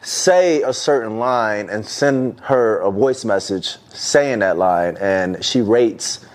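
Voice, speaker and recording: A man with a lowish voice chats in easy, slangy podcast talk, unhurried and laughing often. His stories ramble comfortably. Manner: relaxed slangy storytelling, laughs easily. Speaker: podcast co-host. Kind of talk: casual chat.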